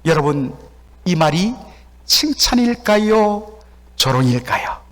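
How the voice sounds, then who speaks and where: Korean man, pastor, sermon, animated storytelling, high lively voice, church hall reverb. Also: takes it slowly. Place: church sanctuary.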